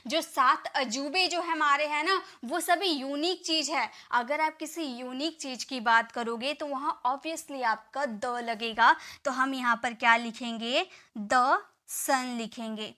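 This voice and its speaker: A woman's voice: sits high, slow, bright, forceful tone, no room sound, studio quality. A woman English teacher from India explaining a lesson step by step, asking questions and answering them herself. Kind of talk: classroom-style explanation.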